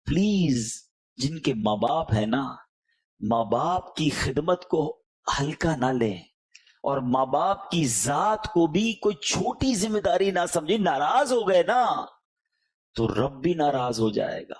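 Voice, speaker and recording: A man preaching with a Pakistani Urdu accent, his voice higher than most men's and rising and falling a lot. He pleads and exhorts, jumping from loud appeals to hushed, soft lines. It is an emotional sermon delivery. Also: animated, slightly rough.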